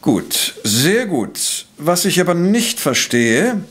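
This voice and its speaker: An actor playing a coolly precise professor-detective in a radio play, questioning in a formal, probing way. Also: male voice, a little high, big pitch swings, takes it slowly, a bit bright, heavily acted. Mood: insistent. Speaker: voice actor in audio drama.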